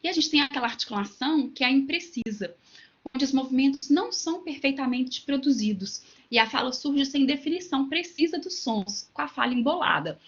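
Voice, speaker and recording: Her voice is high and animated, a little fast, and the recording has its highs cut off. She's a woman from Minas Gerais, Brazil, lecturing teachers online in the local Brazilian Portuguese accent and illustrating points with everyday examples and asides.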